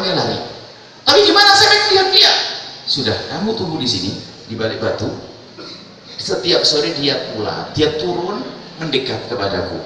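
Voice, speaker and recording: A plain, helpful village shepherd explains things matter-of-factly, as a male preacher puts him on in a sermon. His voice is lively and bright, with a wide swing in pitch. It rings through a large echoey hall and is picked up from a distance. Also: slight background noise. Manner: matter-of-fact storytelling. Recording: echoey mosque hall from far off.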